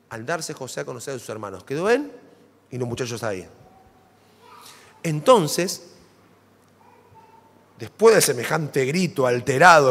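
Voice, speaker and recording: Argentine pastor guy preaching, higher voice that swings all over, long church reverb. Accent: Argentine Spanish. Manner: dramatic, animated preaching with rhetorical questions. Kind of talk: sermon. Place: church sanctuary. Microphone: stage microphone.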